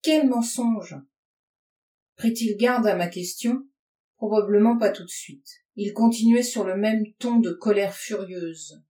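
Une femme lit à voix haute un récit littéraire à la première personne, d'un ton posé et expressif. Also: female voice, medium pitch, unhurried, warm tone. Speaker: audiobook reader. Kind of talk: literary narration read aloud. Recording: roomy sound from a distance.

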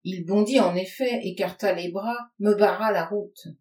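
Une femme lit à voix haute un récit littéraire à la première personne, d'un ton posé et expressif. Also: female voice, mid-range voice, normal speed, darkish tone. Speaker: audiobook reader. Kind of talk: literary narration read aloud. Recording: roomy sound from a distance.

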